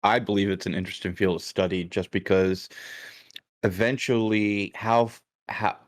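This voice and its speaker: Low-voiced man thinking aloud. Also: little pitch movement. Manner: measured, thinks aloud with many fillers. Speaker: game developer. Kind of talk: casual chat on a live stream.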